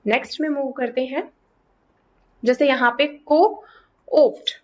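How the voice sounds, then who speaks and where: High-voiced woman teaching English prefixes. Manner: explains step by step, stretches out example words slowly. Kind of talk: classroom lesson explaining English prefixes and hyphens. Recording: slightly dull lo-fi recording with faint background noise.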